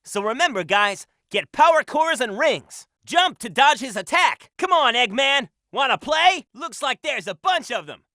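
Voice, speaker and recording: High, cocky young hedgehog hero. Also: male voice, a little slow, hardly any pauses, no room sound, clean studio sound, full character voice. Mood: instructive, eager, then cocky, fired up. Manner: brash, energetic, confident. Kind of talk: video game voice acting.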